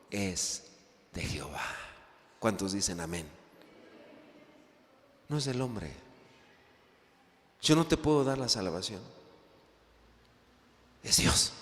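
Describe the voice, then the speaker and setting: Casting: preacher, lively pitch, slow deliberate delivery, echoing hall. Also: male voice. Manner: emphatic, swinging from loud exhortation to hushed. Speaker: pastor. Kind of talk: sermon. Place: rented event hall used as church. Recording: reverberant hall.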